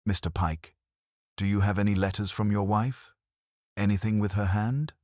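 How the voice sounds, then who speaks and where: A man voicing a gentle, shrewd elderly lady detective in an audiobook, speaking softly and politely. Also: on the low side, fairly even intonation, moderate pace, no room sound, clean studio sound, pitched above the performer's own voice, close to an everyday voice. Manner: soft, polite and probing.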